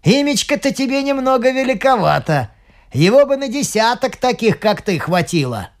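A reader doing a coarse jailbird man who mocks and badgers a newcomer, his voice swooping and gravelly. He sounds like a character in an audiobook. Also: mid-range voice, very animated, moderate pace. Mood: mocking. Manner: coarse, mocking, prodding. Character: gruff rough male prisoner. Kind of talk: audiobook reading.

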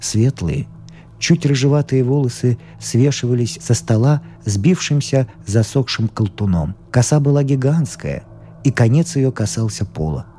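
A man reading a literary story aloud in the first person, measured and expressive, with faint music behind. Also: medium pitch, a little hiss or hum. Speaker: narrator.

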